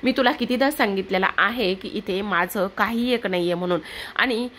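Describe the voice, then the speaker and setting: A woman's voice: medium pitch, moderate pace, a bit bright, slight background noise, natural voice. A woman reading out the lines of a defiant, hot-tempered young college man who snaps defensively, in a TV serial recap. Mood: angry. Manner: snapping, defensive.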